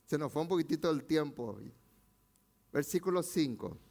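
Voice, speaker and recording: A man's voice: fairly high pitch, expressive, moderate pace, creaky, darkish tone. A male pastor with a Rioplatense Spanish accent, preaching a sermon with rising emphasis and calls for amen.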